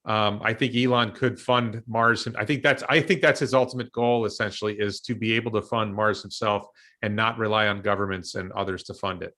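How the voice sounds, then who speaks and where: A man's voice: fairly low pitch, steady tone, fairly quick, sharp tone. An American man in his fifties, hosting a casual discussion and thinking aloud with many ums and restarts. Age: 50s. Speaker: show host and investor.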